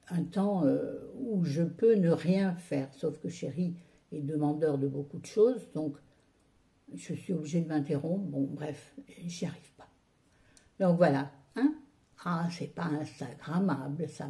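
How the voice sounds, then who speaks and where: Gravelly low-voiced woman ranting. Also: dark tone. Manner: grumbling, exasperated ranting with colloquial asides. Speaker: vlogger. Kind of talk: casual vlog chat to viewers. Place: at home.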